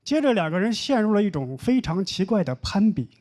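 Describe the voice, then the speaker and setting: A young male stand-up comedian performs a set on a comedy stage before a live audience, telling stories deadpan with mock complaints in a lively, high voice, a little fast. The live stage mic picks up noisy show audio.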